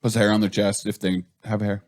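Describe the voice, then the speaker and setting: A man's voice: fairly low pitch, flat delivery, a little fast, a little mellow. A man co-hosting a casual podcast chat, trading dry, teasing quips. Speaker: podcast co-host.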